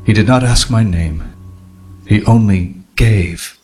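A man's voice: on the low side, a little mellow, breathy edge, faint music behind. An actor playing an embittered galley slave, narrating his suffering solemnly in a scripted historical drama. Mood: solemn, haunted. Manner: solemn, measured.

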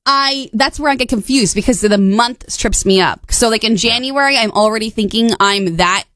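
A woman's voice: fairly high pitch, normal speed, fairly bright tone, dry recording. A woman in her thirties co-hosting a morning radio show, chatting casually and laughing often. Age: 30s. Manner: giggly, scatterbrained, laughs often. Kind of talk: casual chat.

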